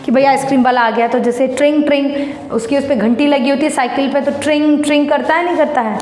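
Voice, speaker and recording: Woman teacher with a high voice, patient and repetitive, spells words out for kids. Recorded in a reverberant classroom. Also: quick pace, darkish tone. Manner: patient and repetitive, often calls pupils "beta". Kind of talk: online English lesson for children, explained in Hindi. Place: classroom with a blackboard. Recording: echoey room, long reverb.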